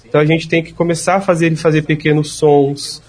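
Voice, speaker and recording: Man, speech therapist, husky and slightly high voice, patient explainer. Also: level tone, quick pace, darkish tone, faint music behind. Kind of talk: explanatory interview answers.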